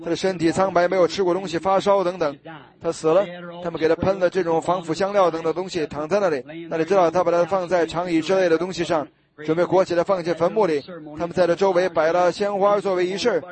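A male preacher with a high voice delivers a sermon. He retells a scripture story vividly and acts out its scenes along the way. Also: little pitch movement, fast talker, crowd noise.

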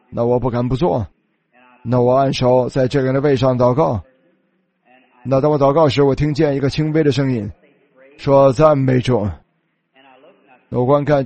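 A man's voice: medium pitch, warm tone. A man preaching a sermon, telling a story and starting many phrases with a filler. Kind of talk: sermon storytelling in Chinese voice-over.

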